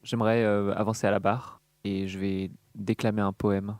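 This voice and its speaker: A man's voice: fairly low pitch, little pitch movement, normal speed, darkish tone, dry recording. Male tabletop player, dry sound. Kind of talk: casual game chat.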